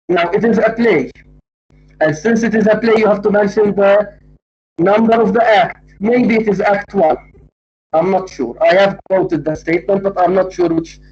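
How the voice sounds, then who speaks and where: A man's voice: high-pitched, a little mellow. A man with an Arabic accent, a native Arabic speaker, lecturing on academic writing in a didactic, emphatic way, repeating and spelling out key points. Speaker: university English lecturer. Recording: dull lo-fi audio.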